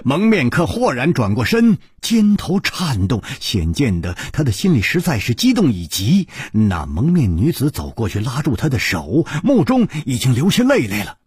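A man's voice: mid-range voice, huge pitch swings, moderate pace, few pauses, a little mellow, slightly rough, dry recording, studio quality. A man telling a martial-arts tale on radio in a dramatic, vividly inflected storytelling style. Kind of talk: Chinese oral storytelling on radio.

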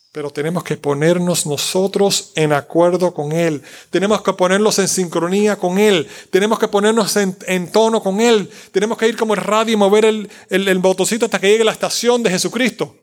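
A man's voice: high-pitched, moderate pace. A man preaching a sermon in a conversational, joking way, slipping in English words and talking to the congregation.

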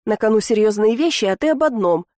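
A woman's voice: mid-range voice, lively intonation, fast, dark tone, no echo, clean studio sound, close to an everyday voice. A woman reading the part of a restrained young male count in an audiobook, groaning and pleading in frustration. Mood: exasperated.

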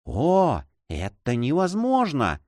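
A man's voice: a little high, very animated, moderate pace, no room sound, pitched above the performer's own voice. A frightened monk who stammers and hesitates, as a male reader puts him on. His voice swings up and down with nerves, recorded close and dry. A storybook figure, timid and fearful.

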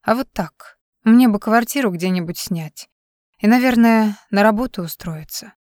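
A woman reading an audiobook, voicing a heartbroken young woman who speaks softly and quietly. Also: medium pitch, normal speed, dry recording, studio quality, natural voice. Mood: weary. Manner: soft, subdued.

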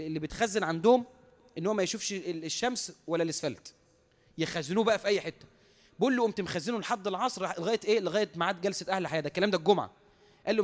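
An Egyptian preacher with a notably high voice delivers a sermon. He talks at a very fast pace. His stories are emotional, and he acts out each quote before he urges his listeners on with fervour. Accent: Egyptian Arabic. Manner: impassioned exhortation.

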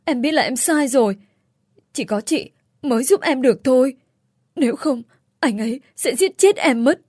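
A woman voicing a desperate middle-aged man who begs for his life in a high, pleading voice. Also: expressive, moderate pace, a little mellow, husky, dry recording, clean studio sound. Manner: pleading, whining.

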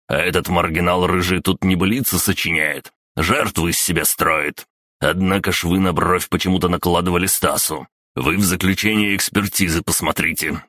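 Bullying loud father, done by the male narrator, scornful blustering delivery, deep dry read. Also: no echo. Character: loud boorish middle-aged father, bullying and rude.

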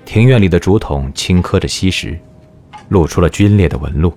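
A man's voice: low-pitched, moderate pace, a little mellow. A man narrating a historical audio drama in a scripted, dramatic storytelling style. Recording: music behind the narration.

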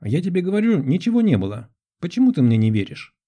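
A man's voice: on the high side, very animated, fast, mellow, voice pushed up. A man voicing a balding, guilty husband with a thin, whiny voice who keeps making excuses, in an audiobook.

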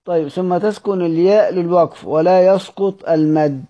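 Egyptian teacher explaining recitation rules, muffled. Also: male voice, high voice, normal speed, dark tone. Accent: Egyptian Arabic. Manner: reads a passage, then explains it in colloquial speech with rhetorical questions. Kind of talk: explaining a classical text on Quran recitation. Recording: dull lo-fi audio recording.

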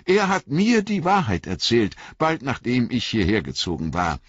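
A man's voice: mid-range voice, huge pitch swings, moderate pace, husky, no echo, voice pushed up. A man reading an audiobook, voicing a young, earnest male hobbit who is anxious and eager. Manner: eager, rising and pleading. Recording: dull lo-fi audiobook recording.

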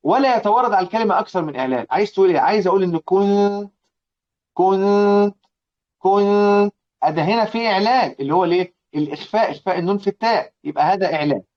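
Fast-talking Egyptian teacher, dull recording. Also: male voice, high voice. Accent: Egyptian Arabic. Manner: asks and answers his own questions, repeating key points; chants quoted verses slowly. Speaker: Quran recitation teacher. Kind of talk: classroom lecture explaining a didactic poem.

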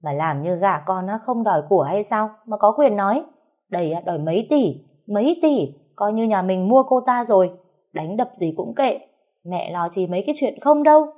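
A woman's voice: on the low side, animated, normal speed, mellow. A woman voicing a hot-tempered young husband, barking scornful orders. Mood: angry shouting.

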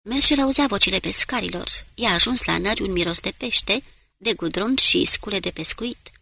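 Gravelly-voiced woman narrating an audiobook. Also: medium pitch, no echo. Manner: steady, measured reading of prose. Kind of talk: scripted narration.

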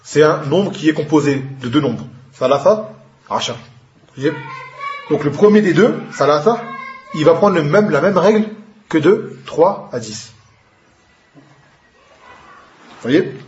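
A man teaching a grammar class in a fairly high voice, patiently breaking down each rule and switching between two languages as he goes. The sound is echoey and a bit dull, like a lo-fi recording in a bare room. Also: expressive, takes it slowly, long pauses, a little mellow, slight background noise. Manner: explains patiently, switching between French and Arabic terms. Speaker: Arabic teacher.

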